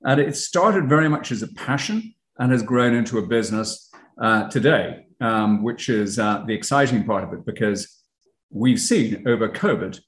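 An Irish company founder explains his business in a casual, conversational interview, frequently saying um and restarting sentences. His voice is mid-range at normal speed, and the recording has a roomy echo.

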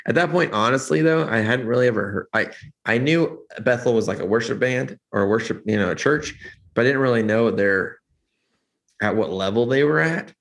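A man's voice: mid-range voice, animated, a little fast, fairly bright tone. A man talking earnestly in a casual interview, rambling with many restarts as a church lighting director.

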